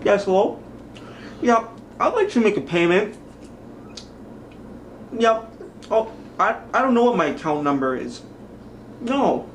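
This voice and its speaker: A man's voice: sits high, big pitch swings, unhurried, pauses often, a little hiss or hum, full character voice. A man playing an overexcited wrestling superfan in a mockumentary, gushing in a fanboy way. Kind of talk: mockumentary acting.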